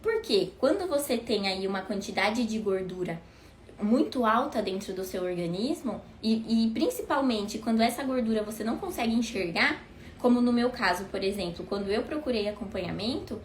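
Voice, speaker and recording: A woman in her thirties hosts, chatting casually to viewers and posing rhetorical questions that she then answers herself. Her medium-pitched voice is animated at a moderate pace, recorded in an echoey room with faint noise.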